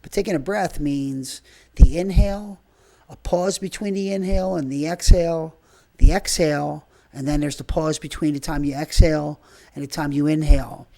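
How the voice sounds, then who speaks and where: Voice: mid-range voice, moderate pace, creaky, dark tone. A breathwork and movement trainer giving informal, rambling spoken instruction while demonstrating.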